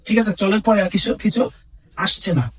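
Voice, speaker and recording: Male tutor, high husky voice, off-mic, drilling students with repeated questions. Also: far from the mic. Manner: repetitive, quizzing listeners with "ঠিক আছে?"; drags out example words slowly. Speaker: teacher. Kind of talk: exam-prep lesson.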